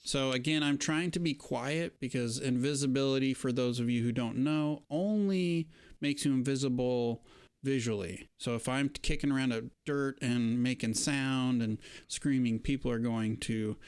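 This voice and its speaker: Young male player, smooth clear voice, dry close mic, thinks out loud. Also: medium pitch, moderate pace, no echo. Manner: chatty, thinks aloud. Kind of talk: playing a tabletop game.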